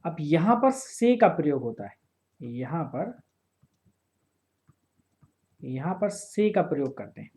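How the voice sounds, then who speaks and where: A man teaching a grammar lesson for exam prep, slowly repeating phrases and often checking that listeners follow. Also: on the high side, sing-song, a little mellow.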